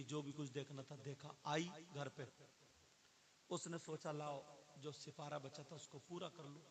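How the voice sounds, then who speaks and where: A male preacher telling a moral story in a sermon, acting out the characters' lines and building to loud pleading cries. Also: medium pitch, slight background noise.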